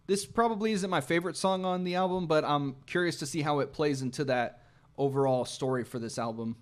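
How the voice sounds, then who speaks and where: A man's voice: on the high side, a little fast. Thoughtful man breaking down songs. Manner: thoughtful, analytical, occasional restarts. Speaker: music reaction host. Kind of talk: reflective song breakdown.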